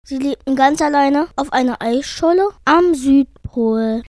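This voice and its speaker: A woman's voice: high voice, a little slow, darkish tone, dry recording, clean studio sound. A woman reading a scripted children's story as narrator.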